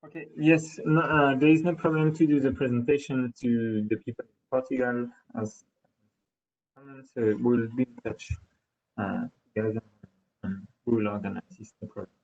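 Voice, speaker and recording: A man with a French accent answers questions at the close of a technical webinar. He pauses often and fills gaps with hesitant "uh"s at a middling pitch. The audio is dull and lo-fi. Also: steady tone, a little mellow. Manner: hesitant, many fillers. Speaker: product specialist presenter.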